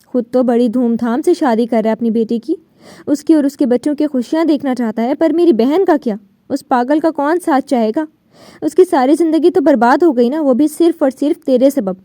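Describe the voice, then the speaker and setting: Brief: woman narrator voicing a sneering vengeful young man, audiobook, high pitch. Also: warm tone, dry recording, clean studio sound, close to an everyday voice. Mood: menacing. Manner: menacing, sneering. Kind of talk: audiobook novel reading.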